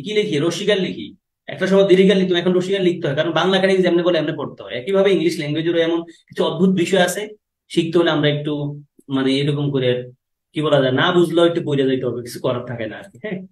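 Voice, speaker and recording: Young man, English tutor; higher-pitched, patient and repetitive, echoey room sound. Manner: repeats points patiently, mixes English terms into Bengali. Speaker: English teacher. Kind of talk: online class lecture. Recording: roomy echo.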